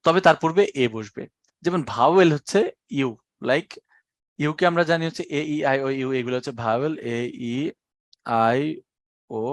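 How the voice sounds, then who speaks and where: A man's voice: a little high, no echo. A young man with a Bangladeshi Bengali accent giving an exam-prep lecture, patient and repetitive as he spells out rules for his students. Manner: patient, explains slowly and repeats key points; addresses students as "ভাইয়া". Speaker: teacher.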